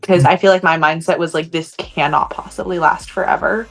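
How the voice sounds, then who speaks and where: Young female student, lower pitch, candid and chatty. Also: steady tone, brisk, vocal fry, soft background music. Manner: candid, chatty with many likes. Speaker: student interviewee. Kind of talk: casual interview answer.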